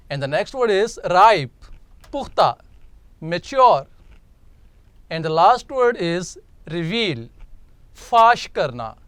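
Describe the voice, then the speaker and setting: A male teacher with a Pakistani accent giving an online textbook lecture, explaining each word slowly in two languages. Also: sits high, no room sound. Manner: slow, deliberate, explains words in two languages.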